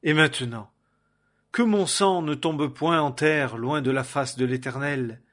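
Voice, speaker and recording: A man's voice: medium pitch, steady tone, a little slow, a bit bright. A man voicing a young male warrior, declaiming in a raised voice. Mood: pleading.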